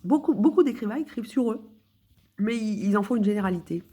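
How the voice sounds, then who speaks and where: A woman's voice: mid-range voice, lively intonation, fast, warm tone, husky. A woman chatting casually with her viewers, rambling and joking at her own expense. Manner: rambling, self-mocking and joking. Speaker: streamer explaining her own texts.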